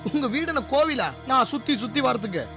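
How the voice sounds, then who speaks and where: A man's voice: very high voice, animated, brisk. A young man acting as a cheeky, sarcastic college student who talks back to an angry father in a TV serial. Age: young adult. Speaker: college student hanging around the house. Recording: TV serial with music behind.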